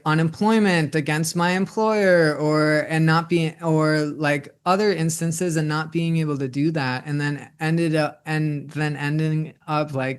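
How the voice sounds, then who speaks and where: A man's voice: on the high side, clean tone. Man in his twenties, reflective and rambling. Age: 20s. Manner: rambling, many restarts and "like" fillers. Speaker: host. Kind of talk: reflective personal monologue.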